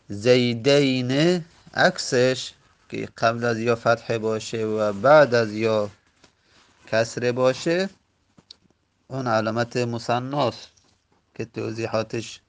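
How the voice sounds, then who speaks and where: Male grammar teacher, mid pitch, reads a rule then drags out example words, methodical. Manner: recites Arabic text, then explains it slowly, dwelling on example words. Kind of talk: classroom lesson explanation.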